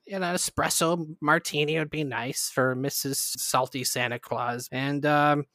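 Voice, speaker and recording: A man hosting a podcast, chatting casually with animated, profane storytelling. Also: fairly high pitch, normal speed, no room sound, clean studio sound. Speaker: podcast host. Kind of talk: casual chat.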